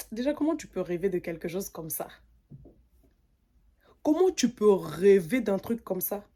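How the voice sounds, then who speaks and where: Young woman from french guiana venting about drama, mellow voice, mid pitch, animated. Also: unhurried. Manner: animated, indignant, mimics others' voices. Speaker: content creator. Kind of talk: casual storytime rant.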